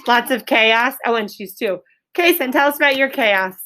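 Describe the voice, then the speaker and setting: An American woman plays an elementary school teacher running an interactive lesson, using a high, bright voice at normal speed. She gives clear instructions and models things for her young pupils.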